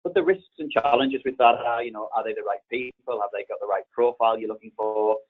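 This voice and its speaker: A man with a Northern English accent gives a business webinar talk, conversational and prone to repeating himself as he works through each point. His voice is lowish and husky. The sound is thin and tinny, like a phone call. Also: quick pace. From north of England. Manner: conversational, repeats words while explaining. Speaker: webinar presenter.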